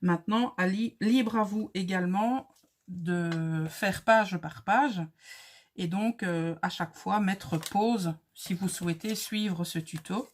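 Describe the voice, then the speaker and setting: Slow, chatty woman teaching a craft. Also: medium pitch. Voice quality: speaks with a light accent. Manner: chatty, friendly, talks viewers through each step. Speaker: craft tutorial host. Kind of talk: casual crafting tutorial.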